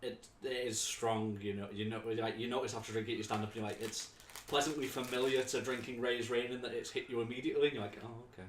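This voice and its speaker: A man's voice: medium pitch, fairly even intonation, quick pace. A man running a tabletop game as game master, describing the scene vividly and casually. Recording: echoey room with faint noise.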